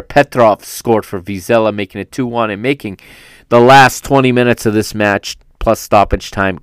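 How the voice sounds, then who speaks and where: A medium-pitched man with a clean tone hosts a solo football podcast, rambling through a casual recap with a fan's enthusiasm and often correcting himself. The studio microphone gives clean sound with no echo.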